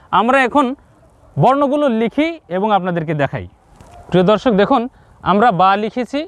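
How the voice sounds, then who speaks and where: A man teaching Quran reading step by step, patiently repeating each sound slowly and addressing the viewers directly. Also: high voice, no echo. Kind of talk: step-by-step lesson.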